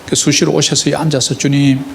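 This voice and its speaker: A pastor's sermon from a man whose voice sits somewhat high. He questions his listeners and slips into acted prayers. Faint background noise runs under the recording. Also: animated, moderate pace. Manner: asks the congregation questions, acts out prayers. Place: church sanctuary.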